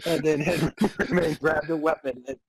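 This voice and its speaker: A comedy podcast co-host with a fairly high, steady voice reads fan fiction dramatically at a normal speed. Between passages he chats casually and often sounds amused.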